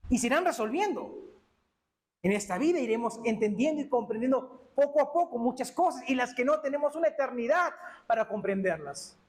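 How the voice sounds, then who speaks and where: A male pastor preaching a sermon in a church, impassioned, with sudden drops to a hush. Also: very high-pitched, animated, fairly quick.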